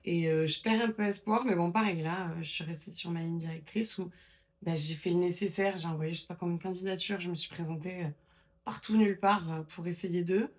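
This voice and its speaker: Une femme qui raconte son parcours en interview, sur un ton de conversation détendue, avec beaucoup d'hésitations et de reprises. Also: female voice, on the low side, steady tone, a little fast. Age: 20s. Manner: chatty storytelling, many fillers and restarts. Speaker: guest. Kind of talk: casual interview chat.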